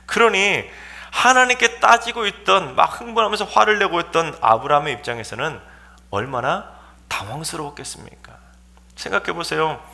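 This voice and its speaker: A man's voice: on the high side, moderate pace, gravelly, bright, forceful tone. A man preaching a sermon as a pastor, emphatic and full of dramatic rhetorical questions.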